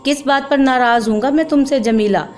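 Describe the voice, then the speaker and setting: A woman voicing a calm, loving young husband who speaks tenderly and reassuringly, over faint music. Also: sits high, a little fast, pitched above the performer's own voice, natural voice.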